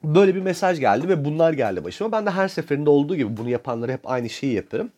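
A man's voice: on the high side, big pitch swings, racing, a little mellow. A man in his thirties from Turkey, ranting profanely and mocking himself in a casual monologue, often breaking into laughter. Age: 30s.

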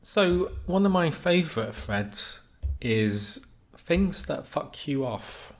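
Male podcast co-host, slow-talking, gravelly, deadpan. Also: on the high side. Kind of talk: casual podcast chat.

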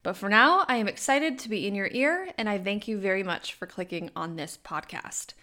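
A young woman with a Wisconsin accent and a nasal voice with some vocal fry, hosting a chatty, scripted solo podcast with playful, self-deprecating asides. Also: medium pitch, normal speed, bright, forceful tone. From Wisconsin, United States. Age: young adult. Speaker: podcast host.

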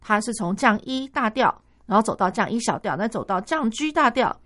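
A woman music teacher explaining a piano piece on the radio, singing rhythms aloud and thinking out loud with many fillers. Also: a little high, lively intonation, a little fast. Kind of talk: radio music lesson chat.

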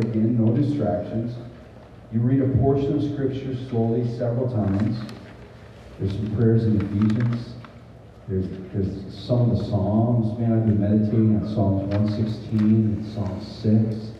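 A man's voice: fairly low pitch, slight background noise. A man, a pastor, preaching a sermon in a conversational way and asking the congregation questions. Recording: distant, echoey hall, dull sound.

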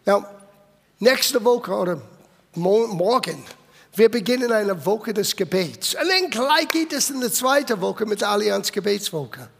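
High-voiced preaching man, English-accented German. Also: animated, measured pace, gravelly, breathy edge. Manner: emphatic, swings between loud urging and quiet low asides. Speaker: pastor. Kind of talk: sermon. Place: church hall. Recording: long reverb of a church hall.

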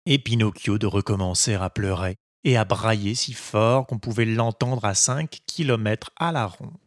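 A man reading a children's storybook aloud as narrator, slow and expressive. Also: fairly low pitch, dry recording, clean studio sound. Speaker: audiobook narrator.

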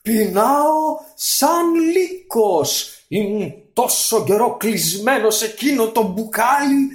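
A man voicing a huge, hungry, ungrateful male genie who roars and growls slowly, in radio storytelling with a roomy echo. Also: lively intonation. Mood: roaring menace. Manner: roaring, growling, slow and booming.

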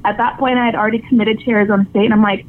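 A young woman telling her story as an interview guest over the phone, tearful and halting, with many fillers. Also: medium pitch, fairly even intonation. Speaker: guest, former softball player. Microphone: phone call. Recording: tinny phone line with faint noise.

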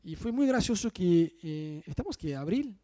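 A middle-aged man preaches in a Rioplatense Spanish accent, moving between personal anecdotes and Bible verses. His voice sits high for a man yet sounds dark and mellow rather than sharp. He talks in an animated, joking way and keeps checking that his listeners follow him. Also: moderate pace. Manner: animated, jokey, asks the congregation if they follow. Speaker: pastor.

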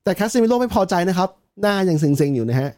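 A man co-hosting a casual football podcast, talking quickly and breaking into laughter. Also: high-pitched, very animated, darkish tone. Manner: rapid, laughing, swears casually. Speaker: podcast co-host.

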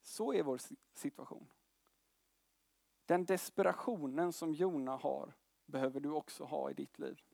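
A young man preaching a sermon in a conversational way, mixing slang with tag questions and swinging between loud calls and quiet, slow lines. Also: on the high side, vocal fry, no room sound, clean studio sound.

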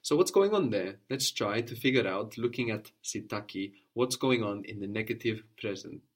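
A man's voice: on the low side, lively intonation, normal speed, slightly rough. A man teaching a one-on-one language lesson, patiently prompting questions and repeating his student's answers.

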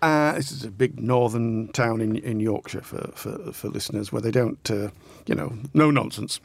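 A man, a guest commentator in lively political chat, animated and jumping into impressions. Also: normal speed, vocal fry, breathy edge, dry recording. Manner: animated, breaks into impressions with big pitch jumps.

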